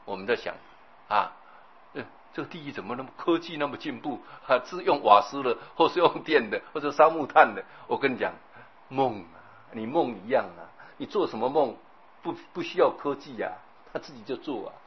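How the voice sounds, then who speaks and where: A man giving a Buddhist sermon, telling lively stories, acting out scenes and often checking in with his listeners. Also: mid-range voice, fairly quick, highs cut off, slight background noise. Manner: animated storytelling, acts out scenes, keeps asking the audience "right?". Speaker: Buddhist preacher.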